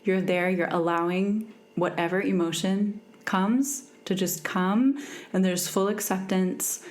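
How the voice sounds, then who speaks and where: A woman's voice: medium pitch, steady tone, takes it slowly. Earnest woman podcaster talking self-help. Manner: earnest, reflective, often asks "right?". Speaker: podcast host. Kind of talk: casual self-help talk.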